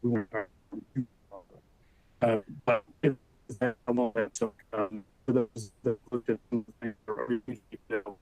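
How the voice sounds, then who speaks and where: Male panel guest, mid-pitched, very dry close sound, corrupted video-call audio that keeps dropping out, halting delivery. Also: flat delivery, a little mellow, dry recording, rough recording. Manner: halting, many fillers and restarts. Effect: corrupted audio that keeps cutting out.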